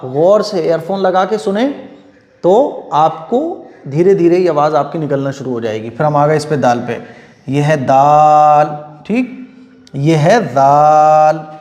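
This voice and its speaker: A middle-aged man gives a patient step-by-step lesson, drawing out each letter sound and repeating it. His voice sits a little high for a man. The recording is roomy, with a long reverb tail. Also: a little mellow. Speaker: Quran reading teacher. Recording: echoey room with long reverb.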